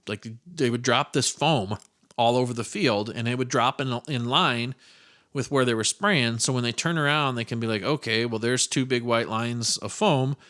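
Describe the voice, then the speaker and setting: A man's voice: medium pitch, sharp tone. A man from Iowa hosting his own podcast, telling a childhood story in a rambling, profane, self-mocking way. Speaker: podcast host. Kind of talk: casual storytelling monologue.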